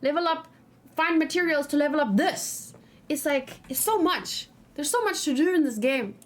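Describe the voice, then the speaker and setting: A high, animated female voice at a moderate pace belongs to a gaming streamer hosting her stream, thinking aloud in easygoing chat and often muttering under her breath. The audio is noisy, full of keyboard typing and clicking.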